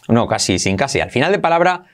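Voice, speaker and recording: Energetic teacher from Spain, male, mid-pitched, Spanish accent, coaxes students to repeat drills. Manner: drills phrases slowly, coaxing "come on, repite conmigo". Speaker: English teacher. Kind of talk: energetic English lesson.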